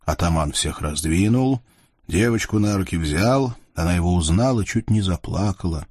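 A man narrating a folk-style storybook tale with a lilting, husky voice. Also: sits low, animated, moderate pace, darkish tone, dry recording, clean studio sound.

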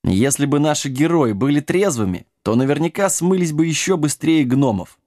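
A man reading a comic fantasy story aloud in an expressive way. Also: on the high side, moderate pace, no echo, clean studio sound.

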